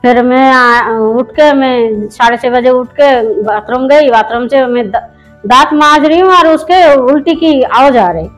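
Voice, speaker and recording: Middle aged indian woman telling her testimony, high voice, keeps restarting, soft music behind. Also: a little slow, low-quality recording. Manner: rambling storytelling with many restarts. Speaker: church member giving testimony. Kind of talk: spoken personal testimony.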